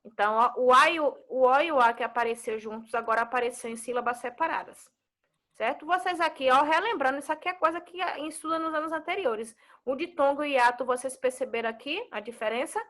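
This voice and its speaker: Bright high-voiced Brazilian woman teacher. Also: quick pace. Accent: Brazilian Portuguese. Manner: explanatory, checks in with students often. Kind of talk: online class lesson.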